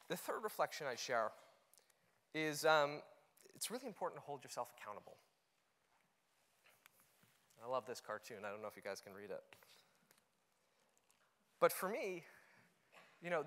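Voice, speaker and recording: With a mid-range, slightly bright voice, a young adult conference speaker from Canada gives an earnest, conversational talk on an auditorium stage. He often says "you know," and long hall reverb fills the recording.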